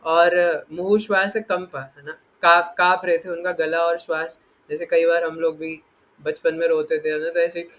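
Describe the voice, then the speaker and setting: A man with a high, light voice teaching scripture in an animated way. He keeps checking in with his listeners and acts out the lines he quotes. He laughs easily while he explains. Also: moderate pace. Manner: animated, acts out quotes, frequent tag questions. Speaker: spiritual teacher. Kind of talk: scripture discourse.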